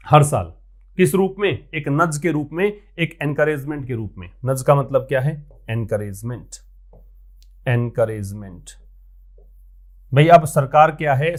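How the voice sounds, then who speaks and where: A man teaching English vocabulary in Hindi, asking questions and answering them himself, reading English phrases slowly. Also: a little high. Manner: asks questions and answers them himself, repeats key words; mixes Hindi with English terms. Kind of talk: explaining a newspaper editorial in class.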